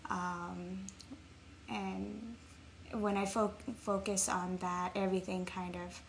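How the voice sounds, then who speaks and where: Young woman, from Nepal, flat delivery, gravelly fry, reflective pauses. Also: medium pitch. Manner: reflective, measured, with frequent ums. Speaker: interview guest. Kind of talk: casual interview. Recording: faint background noise.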